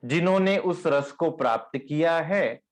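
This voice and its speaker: A man giving a devotional discourse on scripture, speaking tenderly to his listeners and chanting verse lines slowly. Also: a little high, lively intonation. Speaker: spiritual teacher.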